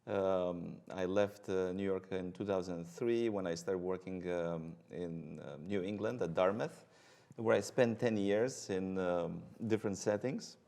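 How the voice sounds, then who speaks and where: A man's voice: low voice, a little slow, creaky, mellow. A middle-aged man from Romania, speaking with a Romanian accent, a guest physician explaining his work with frequent ums and uhs. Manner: hesitant, many ums and uhs.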